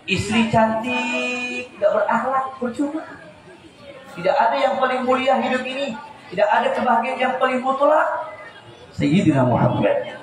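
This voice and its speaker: A male preacher giving a joking, animated sermon at a religious gathering, moving from quiet asides to shouted, chanted lines. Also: high-pitched. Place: religious celebration gathering with a large crowd. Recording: very echoey crowd sound system with background noise.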